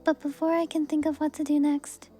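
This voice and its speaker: Young woman, soft ASMR reader, high flat delivery, gentle and even. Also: a little fast, soft background music. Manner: soft, even reading voice with brief laughs at the text. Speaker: streamer reading a book aloud.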